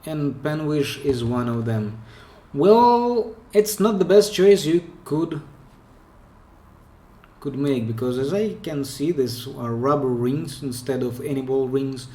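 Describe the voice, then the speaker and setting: Slow-talking man with a Russian accent. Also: mid-range voice, mellow. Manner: chatty, hesitant, restarts mid-phrase. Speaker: pen spinning channel host. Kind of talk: casual commentary on viewer clips. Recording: echoey room.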